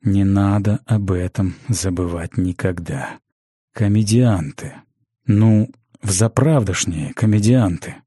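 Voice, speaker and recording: A man narrating a fantasy audiobook in a measured, even storytelling manner on a close studio mic. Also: deep voice, breathy edge, no echo.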